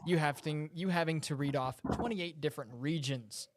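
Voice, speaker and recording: A man co-hosting a high school football talk show, breaking down playoff math and bantering with the host. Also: normal speed.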